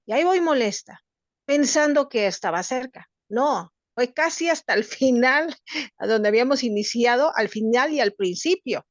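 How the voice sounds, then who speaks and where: Middle-aged Mexican woman, earnest group-session storyteller with a halting delivery, over muffled video-call sound. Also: fairly high pitch, lively intonation, no room sound. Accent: Mexican Spanish. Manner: earnest, halting, with many restarts. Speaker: workshop participant.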